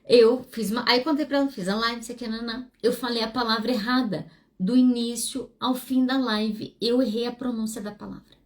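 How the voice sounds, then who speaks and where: A woman, hosting a solo podcast as a psychologist, speaking frankly and animatedly with wide swings in pitch. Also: fairly even intonation, brisk. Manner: frank and self-deprecating.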